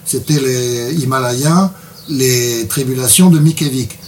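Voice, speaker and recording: A man's voice: medium pitch, a little slow, far from the mic, a little hiss or hum. A man translating and presenting a book in an interview, talking hesitantly and often repeating his words. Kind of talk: casual interview chat with read excerpt.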